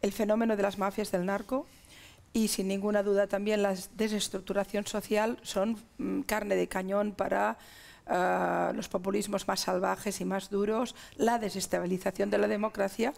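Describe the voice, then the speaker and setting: A woman's voice: mid-range voice, flat delivery, normal speed, vocal fry, darkish tone. A middle-aged woman from Spain with a Spanish accent, a guest in a TV interview, talking emphatically in long chains of ideas.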